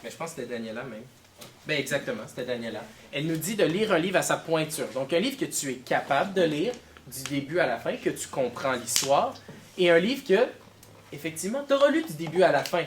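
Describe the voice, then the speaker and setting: A man's voice: fairly high pitch, a little fast, slight background noise. A man teaching a class of children, asking them questions as he goes. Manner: lively, questioning pupils.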